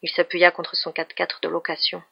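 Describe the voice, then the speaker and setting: A woman reading a novel aloud in a steady, even manner, in a dull lo-fi recording. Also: on the low side, brisk, vocal fry, breathy edge. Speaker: reader.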